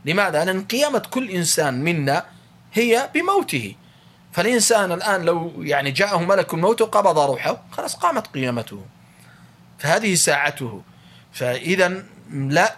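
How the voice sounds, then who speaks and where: A male religious teacher giving a lecture, reading a classical text aloud and explaining it with quick rephrasings and frequent restarts. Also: a little high, a bit bright.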